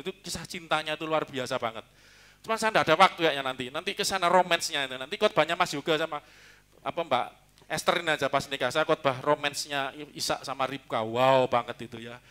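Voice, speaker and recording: A man preaching a sermon as pastor, talking in a lively, joking way. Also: on the high side, fast talker. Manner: lively, joking, mixes in Javanese.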